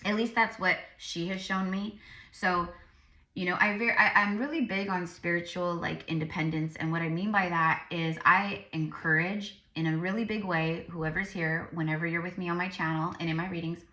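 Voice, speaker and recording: A tired psychic medium and tarot reader speaks in a low-ish, pushed, bright and slightly crackly voice, with reverberation. During a psychic tarot reading she chats informally and rambles, addressing her viewers as "you guys."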